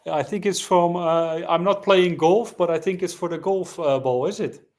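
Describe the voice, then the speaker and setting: Slightly high-voiced male show host. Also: moderate pace. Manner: relaxed, reads out viewer comments. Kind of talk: casual interview chat.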